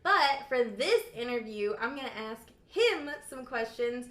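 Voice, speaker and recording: A woman's voice: on the high side, lively intonation, unhurried, a bit bright, echoey room. A young woman hosting a casual, teasing interview with her partner. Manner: playful, teasing. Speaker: interviewer and channel host. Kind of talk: casual chat.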